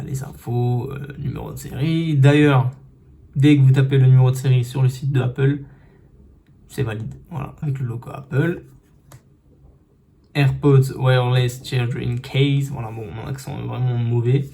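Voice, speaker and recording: Male tech vlogger, mid-pitched and warm, talking through an unboxing on a phone, loose and chatty. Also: creaky. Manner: chatty, with many fillers and restarts. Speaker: tech reviewer. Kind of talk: casual unboxing review. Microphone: phone camera.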